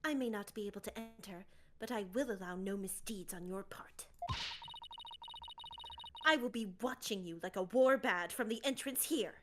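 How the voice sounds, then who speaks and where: A woman's voice: mid-range voice, normal speed, noisy background, natural voice. A woman voicing a stern, haughty young royal zealot from a video game, speaking formally and commandingly. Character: stern, imperious young female royal zealot guarding a sacred place. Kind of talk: video game dialogue read aloud in character.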